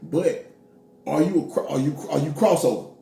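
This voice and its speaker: A man's voice: a little high, animated, normal speed, creaky, warm tone. A man co-hosting a casual commentary chat, joking and rambling with many restarts. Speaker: co-host. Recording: echoey room, mic at a distance, faint noise.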